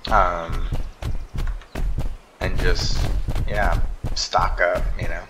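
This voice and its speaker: A man's voice: sits low, level tone, very slow, very noisy. A man giving casual, rambling gameplay commentary, tired and yawning, with many ums. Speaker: gaming YouTuber.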